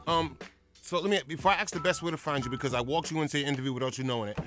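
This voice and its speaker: A man's voice: a little high, racing, over music. A man hosting a casual hip hop interview, playful and full of hype. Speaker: host.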